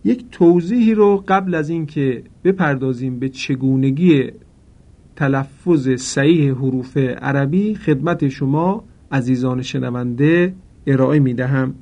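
In an instructional lesson, a man with a mid-range, slightly mellow voice teaches correct Quran recitation pronunciation. He addresses listeners formally and draws out example words slowly and carefully.

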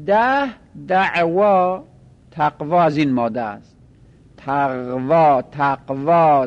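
Man drawling vocabulary, then rapid asides. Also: on the high side. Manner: drawls each listed word slowly, then explains in quick asides. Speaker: teacher of Arabic grammar. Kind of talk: grammar lesson, reciting word patterns.

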